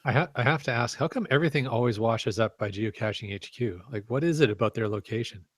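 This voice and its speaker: A man's voice: medium pitch, fast talker, dry recording. A man co-hosting a casual podcast over a video call, full of dry, sarcastic quips. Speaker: podcast co-host.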